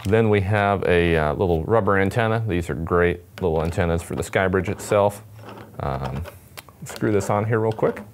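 On an indoor studio set with a table, a twentysomething man gives an upbeat, casual product demo to camera for a radio company. He speaks low at a normal speed, with music in the background and a little hiss or hum.

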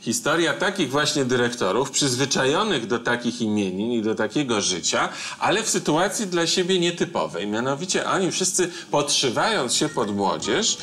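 A man's voice: medium pitch, a bit bright. A middle-aged man hosting a film talk show, introducing the film in an articulate, explanatory way. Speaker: host. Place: studio set with armchairs.

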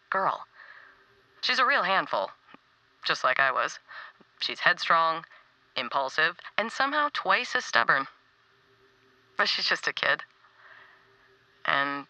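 A woman playing a tender but stubborn warrior in a video game, confiding in a heartfelt, halting way. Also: low voice, sharp tone, no room sound, exaggerated voice, low-quality recording. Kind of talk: video game character acting.

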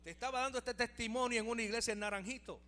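Very high-pitched, very fast and sharp in tone, this middle-aged Puerto Rican man gives an evangelical sermon testimony in church. His fervent preaching is peppered with hallelujahs.

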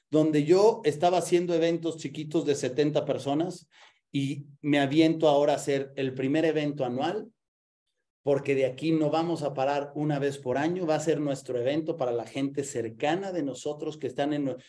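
A man's voice: on the high side, mellow. A man, a business coach giving an online masterclass in an enthusiastic, emphatic sales style over a video call.

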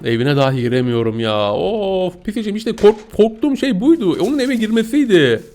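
A young man commentating his gameplay in a high, bright voice. His pitch leaps all over the place as he giggles and squeals. He talks straight to his viewers. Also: sing-song, fairly quick. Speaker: gaming YouTuber.

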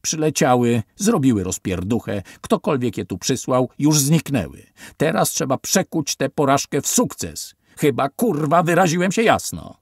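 A man voicing a foul-mouthed, bullying military intelligence officer who shouts threats in an irritating voice. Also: lowish voice, sing-song, fairly quick, creaky, hardly any pauses, slightly rough, dry recording, studio quality, heavily acted. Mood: furious shouting. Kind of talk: audiobook character voice.

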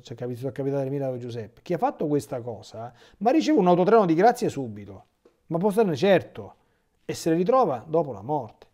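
An Italian man, a priest, giving a catechesis talk. He reads from a text and keeps breaking off into lively spontaneous asides. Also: fairly high pitch, brisk.

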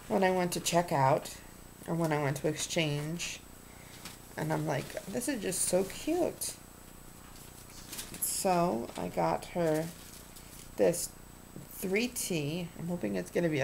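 Showing her purchases in a home vlog, a woman in her thirties rambles at her desk webcam, full of ums and restarts. Her voice is on the low side with vocal fry, recorded in a small room with poor audio and a little hiss or hum.

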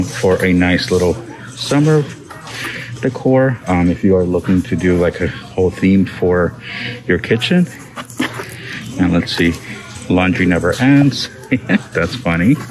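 A man with a low, animated voice hosts a shopping vlog inside a large discount store, reading product labels aloud as he walks and chats casually. He speaks at a measured pace with long pauses, recorded roughly on a handheld phone camera amid store noise and ambience.

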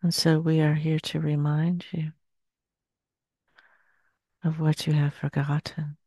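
A woman in her sixties trance channeling as a seance medium, speaking solemnly and slowly with long pauses. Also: sits low, little pitch movement, mellow, slightly rough, dry recording, clean studio sound. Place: small dim indoor room. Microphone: headset.

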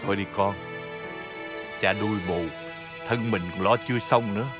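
A poor blind father with a Southern Vietnamese accent, played by an actor in a televised folk-tale drama. He speaks softly and protectively, turning to raw pleading in hardship. A loud music score plays behind him. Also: fairly low pitch, fairly even intonation, moderate pace, close to an everyday voice. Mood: gentle fatherly. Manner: soft, fatherly, pleading when desperate. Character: poor blind father, gentle, self-denying. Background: loud background score.

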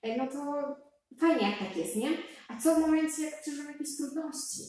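A woman in her thirties telling a lively personal story to an audience, speaking to them directly between fillers. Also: high-pitched, normal speed, a little hiss or hum. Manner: animated, addresses listeners directly, with fillers. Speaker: speaker giving a faith testimony. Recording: very echoey hall sound.

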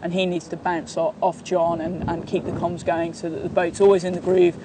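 A woman's voice: fairly low pitch, flat delivery, fairly quick, noisy background. A woman in her thirties, a sailing coach, answering interview questions outdoors in a sunny park, talking steadily with many fillers and restarts. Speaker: sailing coach and training partner.

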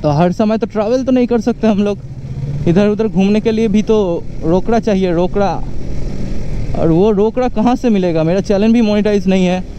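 A young man, chatting excitedly to his viewers while riding a motorcycle through city traffic. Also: high-pitched, normal speed. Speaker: motovlogger. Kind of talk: casual running commentary while riding. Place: outdoors on busy city roads, riding a motorcycle. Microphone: action camera on the rider. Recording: loud road and engine noise.

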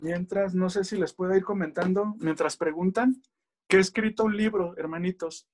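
A man's voice: high voice, fairly even intonation, moderate pace, a little mellow, a little hiss or hum. A man giving an earnest religious testimony, calling his listeners brothers.

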